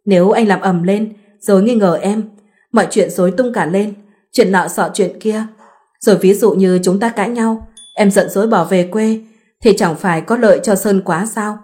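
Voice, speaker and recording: A woman voicing an easygoing young husband who speaks calmly and reasons patiently in a read-aloud story. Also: high-pitched, normal speed, lightly acted. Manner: calm, reasoning.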